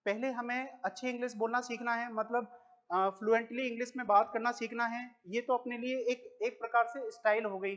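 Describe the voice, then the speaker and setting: This man's voice is extremely high and a bit bright. Speaking with an Indian accent, he gives a slow English lesson in class, repeating every word and answering his own questions.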